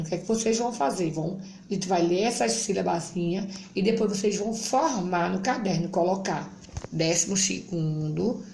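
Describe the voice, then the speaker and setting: Brazilian woman teacher reading to small kids; slow, gravelly, spells out syllables in an echoey room. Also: medium pitch, a little mellow. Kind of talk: reading a literacy worksheet to young children. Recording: echoey room, faint background hum.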